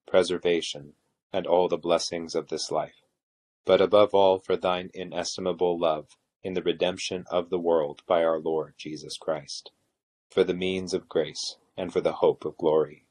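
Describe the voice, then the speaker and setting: A man with a low voice leads evening prayer. His delivery is solemn and measured, with little rise or fall as he recites the liturgy. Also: flat delivery, darkish tone. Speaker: officiant leading evening prayer.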